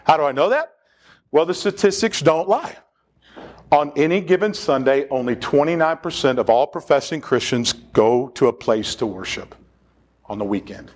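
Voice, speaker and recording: Male pastor, high expressive voice, animated sermon delivery in a church. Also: normal speed. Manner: animated preaching, call-and-response with the congregation. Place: church sanctuary.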